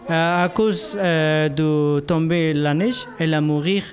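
Halting man. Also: fairly high pitch, fairly even intonation. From Afghanistan. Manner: halting, repeating words. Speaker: interviewee, former dental student. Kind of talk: interview answers in learner French.

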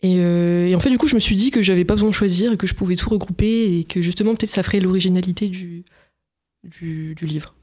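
A woman's voice: on the low side, fast talker, mellow. A young woman author answering interview questions, hesitant with many fillers and restarts.

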